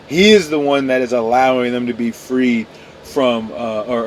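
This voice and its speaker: A man's voice: medium pitch, a little hiss or hum. A man hosting a daily Bible devotional podcast, talking casually, often saying "man" and correcting himself as he goes. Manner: laid-back, peppers talk with "man", self-corrects.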